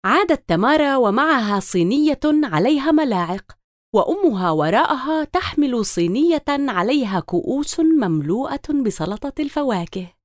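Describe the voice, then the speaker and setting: A woman reading a children's story aloud in an expressive, animated way. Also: sits high, normal speed, dry recording.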